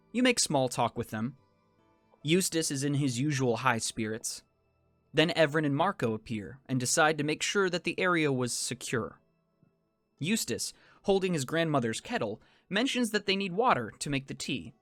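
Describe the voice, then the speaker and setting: Dry-recorded male game master over soft music. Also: on the high side, dry recording. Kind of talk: narrating a tabletop fantasy game in second person. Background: faint music.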